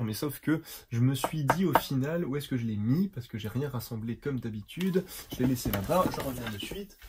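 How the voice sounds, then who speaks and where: In a very noisy recording, a tired man with a mid-range voice reviews art supplies in a casual chat to camera. He rambles along with many fillers, restarts, and little digressions, often correcting himself.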